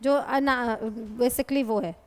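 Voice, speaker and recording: A woman's voice: sits high, fairly even intonation, slow pace, clean tone. A woman teaching Hindi grammar in a classroom lecture. She explains patiently, asks her students questions and calls them "beta". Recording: long hall reverb.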